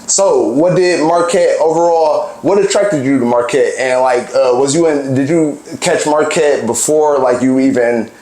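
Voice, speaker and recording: A man hosting an interview, asking questions in a relaxed way, often saying "you know what I'm saying". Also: mid-range voice, normal speed, few pauses, roomy sound, low-quality recording. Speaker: interview host. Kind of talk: casual interview chat.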